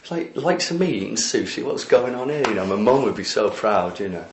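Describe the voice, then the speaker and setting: A man's voice: on the low side, animated, a little fast, gravelly, noisy background. A man chatting casually in a documentary interview, rambling with lots of "like" and "you know". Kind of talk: casual recounting. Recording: echoey room.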